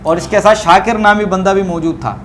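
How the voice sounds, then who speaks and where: Combative high-voiced man reading texts. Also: a little hiss or hum. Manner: combative, repetitive fillers. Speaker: religious debater. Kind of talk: polemical commentary over scanned texts.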